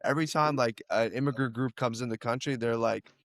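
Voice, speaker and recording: A man joins a podcast as a guest in a casual political chat. He talks in a slangy, loose way, calling people dude and bro and swearing freely. His voice sits at an ordinary middle pitch, recorded dry and close. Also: a little fast, a bit bright, no echo.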